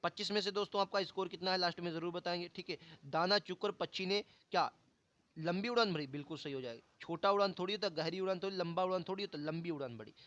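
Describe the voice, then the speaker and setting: A man's voice: high voice, quick pace, a bit bright, no echo. A man teaching Hindi for an exam, who asks questions and answers them himself, repeats key words, and calls his viewers brother and friends in a colloquial way. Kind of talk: online exam-prep lesson. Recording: dull lo-fi audio.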